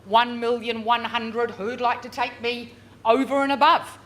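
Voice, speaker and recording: High-voiced woman auctioneer calling bids. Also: fairly even intonation, fairly bright tone. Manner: drawn-out, repeated bid calls; chatty coaxing of bidders. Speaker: real estate auctioneer. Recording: noisy live auction room.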